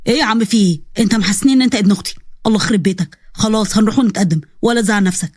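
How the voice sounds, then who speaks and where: A woman's voice: mid-range voice, racing, a little mellow, no echo, studio quality, pitched below the performer's own voice, natural voice. A woman voicing a short-tempered young male police officer with an Egyptian accent, who scolds bluntly. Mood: scoffing. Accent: Egyptian Arabic.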